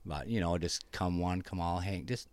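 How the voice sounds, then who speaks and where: A man with an Upper Peninsula Michigan accent, talking in a relaxed, rambling way as an interview guest, with lots of restarts. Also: sits low, moderate pace, smooth. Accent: Upper Peninsula Michigan (Yooper). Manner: rambling, enthusiastic, many restarts. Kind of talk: casual conversation.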